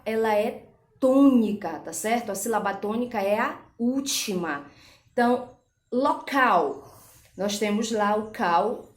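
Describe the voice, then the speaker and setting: A woman teaches a school lesson at a steady, patient pace, leaning hard on each syllable she wants her students to hear. Her voice sits in a middle pitch. The room around her is bare and echoey. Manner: patient, stresses example syllables, frequent "tá certo?". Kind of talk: recorded classroom lesson.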